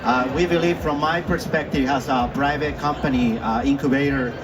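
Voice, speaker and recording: A man's voice: mid-range voice, steady tone, moderate pace. A man born in Chile and raised in Australia, a startup incubator founder, introducing himself on a panel with enthusiasm. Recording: distant mic in a noisy event hall.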